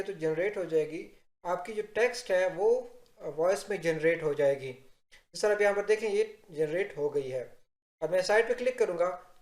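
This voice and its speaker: A man giving a software tutorial, explaining step by step and addressing viewers directly in an instructional narration. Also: high voice. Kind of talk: instructional screen-recording narration. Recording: roomy, echoing voice-over.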